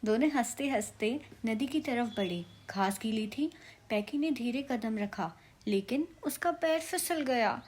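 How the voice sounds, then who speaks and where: A woman narrating a children's story in a gentle, unhurried way. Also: fairly high pitch, animated.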